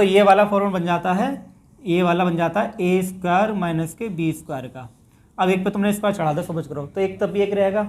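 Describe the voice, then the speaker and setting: A man's voice: high voice, a little mellow, a little hiss or hum. A man with a north Indian Hindi accent, teaching a maths class step by step and addressing his students as "bhai". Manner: talks through steps, addresses students as bhai.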